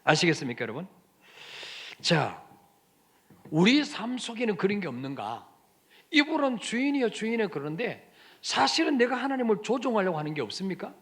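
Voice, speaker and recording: Man, pastor, sermon, high voice, lively sweeping delivery, asks the crowd questions. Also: moderate pace, pauses often, breathy edge. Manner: lively preaching, asks the congregation questions, acts out quoted lines.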